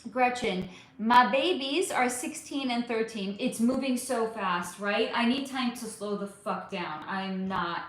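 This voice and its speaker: A woman in her forties, a spiritual reader chatting on a live stream, reading viewer comments aloud in a chatty, animated way with casual swearing. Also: a little high, unhurried, echoey room. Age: 40s.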